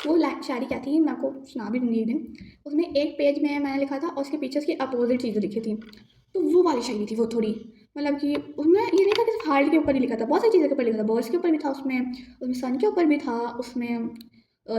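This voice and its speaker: A teenage girl telling a school story in a chatty, animated vlog. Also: high-pitched. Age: teens. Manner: chatty, animated retelling, quick to anger. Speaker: vlogger. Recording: echoey room with faint noise.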